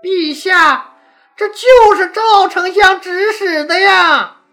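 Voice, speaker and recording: A woman voicing a frightened young male palace servant who speaks in a tearful, slow, pleading way. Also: high-pitched, bright, forceful tone, faint music behind, pitched above the performer's own voice, heavily acted.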